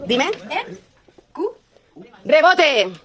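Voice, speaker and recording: High-voiced playful teacher over class chatter. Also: female voice, sing-song. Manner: playful, teasing, brisk countdowns. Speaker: teacher hosting a class spelling contest. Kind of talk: hosting a classroom quiz game. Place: school classroom. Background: noisy students.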